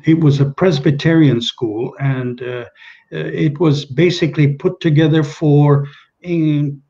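On a webcam video call from a small room at home, an older Kenyan man whose native language is Czech speaks as an interview guest, trailing off and restarting often. His voice leans high, steady and dark in tone, at a measured pace, with the highs cut off.

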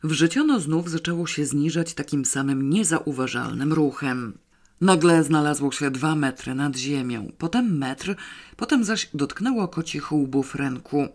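A reader narrating a comic novel aloud, with a lively, dry comic delivery. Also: medium pitch. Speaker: audiobook reader. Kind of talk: scripted narration.

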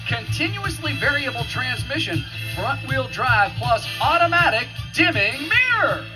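A man working as a game show announcer, reading out prizes in a booming, hyped delivery. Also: sing-song, measured pace, poor audio. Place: TV game show studio stage. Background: loud show music.

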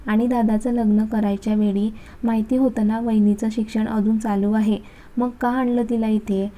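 A woman voicing an outspoken, sharp-tongued young sister who speaks bluntly. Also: fairly high pitch, little pitch movement, normal speed, natural voice. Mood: angry. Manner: blunt, scolding.

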